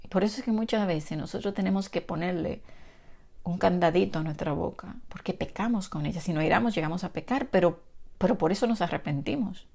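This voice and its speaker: Woman preacher, earnest and heartfelt, some gravel in the voice, talking right to the congregation. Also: on the low side, a little fast, a little mellow. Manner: earnest, emotional, addresses listeners directly. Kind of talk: Bible teaching with personal testimony.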